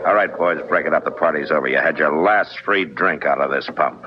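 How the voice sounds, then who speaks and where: An American actor playing a stern, fearless frontier marshal in a radio western, gruff, commanding and dryly sardonic. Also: male voice, rumbling low, fairly quick. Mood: curt, sardonic. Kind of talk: 1950s radio acting. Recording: muffled, noisy 1950s radio recording.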